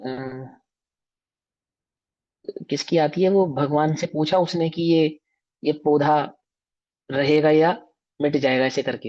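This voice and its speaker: A man's voice: fairly high pitch, darkish tone. A man teaching scripture in a lecture, pressing his points hard and turning again and again to his listeners with rhetorical questions. The recording sounds somewhat dull and lo-fi. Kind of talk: religious discourse lecture.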